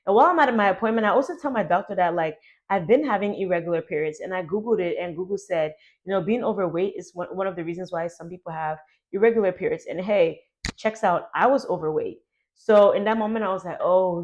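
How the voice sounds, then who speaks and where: A young adult woman telling a personal story to her vlog audience in a chatty, animated way, full of "like". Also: lowish voice, quick pace. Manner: chatty, animated, heavy use of "like". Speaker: YouTuber.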